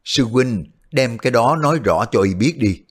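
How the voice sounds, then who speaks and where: A man voicing a hot-tempered, blunt and honest short male martial artist who blurts things out loudly. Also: mid-range voice, expressive, normal speed, slightly rough. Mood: agitated. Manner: loud, hasty outbursts.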